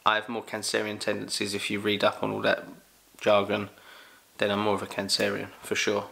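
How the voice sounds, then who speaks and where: A young man with a London accent chats through a casual Q&A with jokey energy. His low voice is gravelly yet bright and forceful. He bursts into loud, excited exclamations. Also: fairly quick. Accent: London English. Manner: animated, jokey, exclaims loudly. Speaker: vlogger answering questions. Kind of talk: casual Q&A chat.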